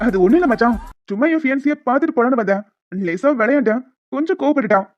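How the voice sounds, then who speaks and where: A woman's voice: high voice, animated, very fast. A woman voicing a smug, scheming young man who taunts and teases in a cartoon. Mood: evasive. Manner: taunting, teasing. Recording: dull lo-fi with music behind.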